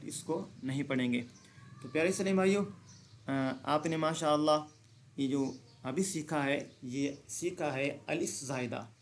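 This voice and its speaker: A man teaching Quran reading, explaining pronunciation rules and then slowly reciting words, often asking and answering his own questions. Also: fairly high pitch, slight background noise. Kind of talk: slow recitation lesson.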